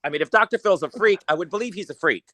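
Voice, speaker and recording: A man's voice: sits high, fast talker, sharp tone. A man co-hosting a podcast in casual chat, brash, crude and sarcastic, laughing often. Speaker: podcast co-host.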